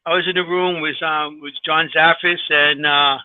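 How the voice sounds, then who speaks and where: A man's voice: fairly high pitch, fairly even intonation, normal speed, no echo. A man co-hosting a podcast in casual, informal chat. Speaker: podcast co-host. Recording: thin, phone-like audio.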